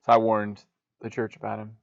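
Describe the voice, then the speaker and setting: A man's voice: fairly low pitch, completely flat delivery, a little fast, gravelly, no echo. A man co-hosting a podcast, riffing sarcastically on a movie with rambling jokey asides. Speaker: podcast co-host. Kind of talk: joking movie riff commentary. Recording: dull lo-fi dry sound.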